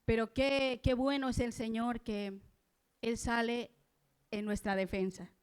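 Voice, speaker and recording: A woman delivers a sermon at an unhurried, deliberate pace. Her voice is clear and smooth, pitched a touch high, and she leans on rhetorical questions as she reflects on her text. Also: little pitch movement. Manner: earnest, slow preaching with rhetorical questions. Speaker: preacher. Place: church.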